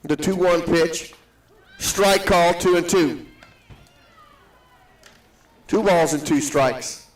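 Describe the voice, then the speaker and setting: A man calling a softball game live in a steady, matter-of-fact way, his voice ringing with a cave-like echo. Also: fairly high pitch, takes it slowly, long pauses, recorded from a distance. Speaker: play-by-play announcer. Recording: echoey booth, set back from the mic.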